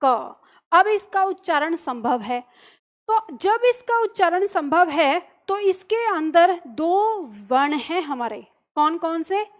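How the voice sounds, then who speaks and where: A woman's voice: extremely high pitch, animated, slow. A woman teaching an online grammar lesson. She explains step by step, sounds out letters one by one, asks questions and then answers them herself, and keeps checking that her listeners follow. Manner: checks in often with "ठीक है" and "सही है?". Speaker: Hindi teacher.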